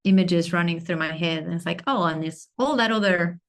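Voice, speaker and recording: A woman from Argentina, a podcast guest, talking thoughtfully and searching for words with many pauses. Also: lowish voice. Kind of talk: reflective conversation.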